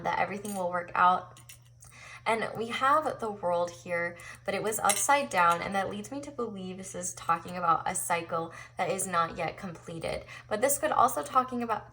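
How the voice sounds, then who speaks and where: Bright-voiced woman reading tarot. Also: mid-range voice, slight background noise. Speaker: tarot reader hosting an online pick-a-card reading. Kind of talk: casual, chatty card reading to viewers. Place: indoors at a tabletop, overhead camera on the cards.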